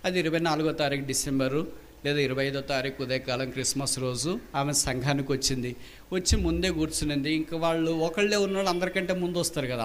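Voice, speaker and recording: A male preacher telling a story in an animated, colloquial sermon. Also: fairly high pitch, slight background noise.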